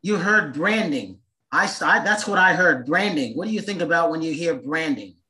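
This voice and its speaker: A man's voice: fairly high pitch, expressive, normal speed, pushed and bright, low-quality recording. A man hosting an interview over a video call from a waiting room, upbeat and repeating his questions. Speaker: host.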